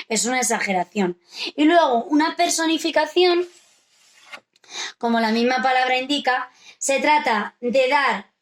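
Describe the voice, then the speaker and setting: Woman, high voice, teacher, patient explaining, remote lesson for kids. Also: fairly bright tone. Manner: explains patiently, asks rhetorical checks like "vale?". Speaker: primary school teacher. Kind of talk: recorded remote lesson for children.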